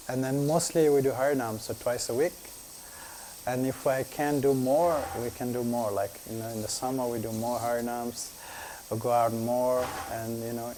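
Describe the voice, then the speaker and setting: A man shares his daily practice as a casual testimony. His voice is mellow and warm, sits at an ordinary middle pitch, and keeps stopping for 'you know' and small restarts. A faint hum of noise runs behind him. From Nepal. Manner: relaxed and halting, full of 'you know' fillers. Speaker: devotee sharing his practice at a gathering.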